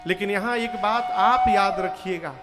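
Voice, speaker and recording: A man preaching a devotional story sermon, slow and emphatic, acting out dialogue and chanting verses. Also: sits high. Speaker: Ram Katha preacher. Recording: long hall reverb with faint music.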